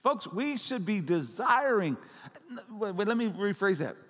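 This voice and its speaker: A man's voice: sits high, sing-song, a little slow, fairly bright tone. A man preaching a sermon as pastor, urgent and repetitive, pressing his listeners. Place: church sanctuary. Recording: long church hall reverb.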